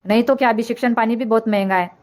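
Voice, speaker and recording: A woman's voice: fairly high pitch, quick pace, natural voice. Woman voicing a nagging old mother-in-law. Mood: complaining. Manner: complaining, scolding, rambling. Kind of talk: comic cartoon voice acting.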